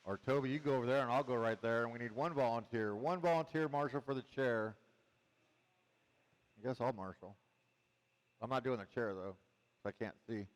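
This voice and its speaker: A man calling an amateur race in a loose, joking way, chatting to drivers and marshals between calls. His voice sits at an ordinary middle pitch. It carries a long reverb tail, as if from a PA system across an open track. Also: fairly quick, pauses often. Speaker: race director and commentator. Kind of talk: casual live race commentary.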